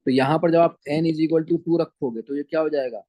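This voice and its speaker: A man with a Punjabi-flavoured Hindi accent gives an online chemistry lecture in a slightly high voice. The recording is dry and close, without room echo. He calls his students beta and keeps asking whether they have understood. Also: moderate pace, dark tone. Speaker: chemistry teacher.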